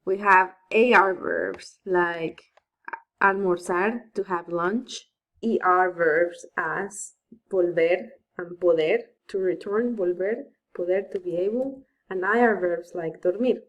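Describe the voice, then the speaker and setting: A woman teaching a recorded language lesson over slides, patient and step by step, saying example verb forms slowly and stressing the syllables. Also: fairly low pitch, low-quality recording. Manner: patient, explains step by step, repeats key points. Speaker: Spanish teacher.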